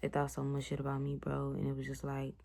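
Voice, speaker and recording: A woman's voice: extremely low pitch, completely flat delivery, fast, creaky, dark tone. A young woman telling a story to her viewers in a blunt, slangy, profane rant. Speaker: vlogger. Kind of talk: casual storytime vlog.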